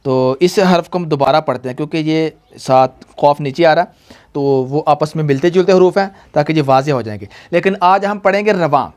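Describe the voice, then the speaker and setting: A man's voice: a little high, normal speed, darkish tone. A young man teaching a tajweed lesson, patient and repetitive, quizzing his pupils. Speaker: Quran reading teacher.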